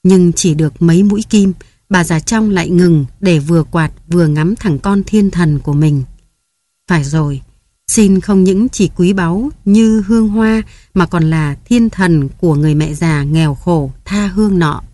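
Woman, audiobook narrator, steady storytelling, warm dark tone, dry close recording. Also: lowish voice, moderate pace, dry recording. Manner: steady, even storytelling reading.

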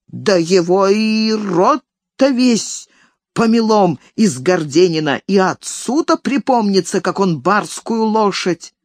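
A woman doing a shrill old scolding nursemaid. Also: dry recording, studio quality, heavily acted. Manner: wailing, scolding and lamenting in a broken old voice. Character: shrill, fussy old woman servant, scolding then doting.

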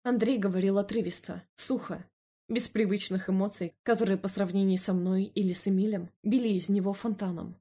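Woman narrating a novel, husky voice. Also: medium pitch, steady tone, fairly quick, mellow. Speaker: audiobook narrator. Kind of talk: first-person novel narration.

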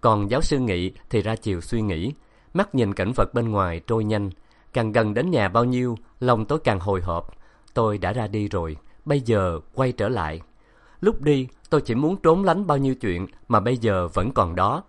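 Calm male audiobook narrator. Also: on the low side, moderate pace. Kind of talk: scripted narration.

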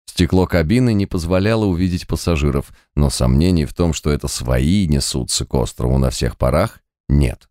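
A man's voice: very deep voice, moderate pace, hardly any pauses, no echo, clean studio sound. A man narrating an audiobook, voicing each character himself. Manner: reads every character himself in an expressive audiobook voice. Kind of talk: scripted narration.

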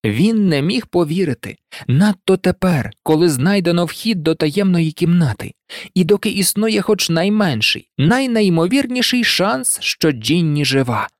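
A narrator reading an audiobook in an expressive, lively way. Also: medium pitch, unhurried, dry recording, clean studio sound.

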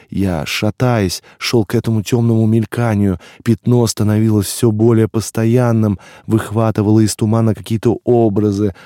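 Low, mellow male audiobook narrator. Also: dry recording, clean studio sound. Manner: dramatic first-person reading, rising to shouts in tense scenes.

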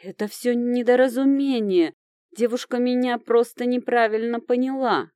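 Женщина озвучивает хитрого молодого торговца, который мягко и вкрадчиво заговаривает зубы. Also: female voice, on the high side, steady tone, normal speed, dry recording, clean studio sound, pitched above the performer's own voice, lightly acted. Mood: flustered. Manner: soft, ingratiating chatter. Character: smooth-talking young male merchant, sly.

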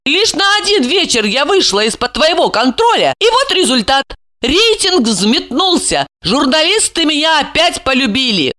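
Woman playing a high, shrill, storybook diva, scornful and exclaiming, all peaks and swoops. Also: very animated, normal speed, bright, forceful tone, heavily acted. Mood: proud defiant. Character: indignant, theatrical woman celebrity, quick to tears.

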